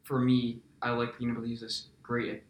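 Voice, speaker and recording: A man's voice: mid-range voice, completely flat delivery, moderate pace. American teenage boy in an echoey studio. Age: teens. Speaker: student podcaster. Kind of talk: casual interview answers. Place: indoor school podcast studio. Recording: roomy, reverberant room sound.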